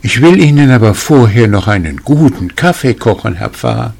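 A man's voice: medium pitch, big pitch swings, moderate pace, gravelly, a little mellow, voice pushed up. A man playing a bustling farm wife. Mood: fussing.

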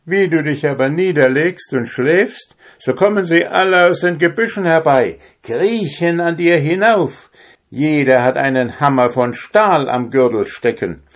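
A fearless, sly young drummer, as a male narrator puts him on, talking up his invisible army with bright eagerness. The storybook voice is raised yet unhurried. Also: on the high side, pitched above the performer's own voice. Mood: cunning.

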